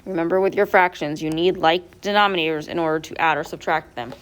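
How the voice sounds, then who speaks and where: A woman's voice: low-pitched, fast. A woman teacher going over quiz answers step by step in a classroom, asking her students questions as she goes. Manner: patient, step-by-step, quizzes students. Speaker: math teacher.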